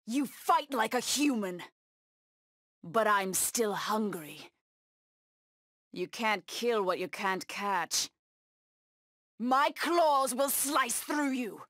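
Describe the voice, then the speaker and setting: Savage cheetah huntress for a fighting game, slow menacing taunts, really dry sound. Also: female voice, fairly high pitch, expressive, a bit bright, dry recording, full character voice. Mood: taunting, menacing.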